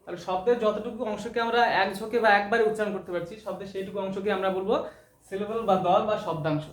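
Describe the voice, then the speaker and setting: Speaking fast in a high voice, a man teaches English grammar, breaking down terms one step at a time. He repeats key words and poses rhetorical questions, and the echoey room carries faint noise.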